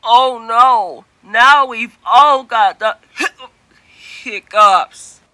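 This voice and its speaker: A woman's voice: fairly high pitch, extremely slow, pushed and bright, dry recording, heavily acted. A woman voicing a young male singer with hiccups who keeps laughing through his words. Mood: giggly hiccuping.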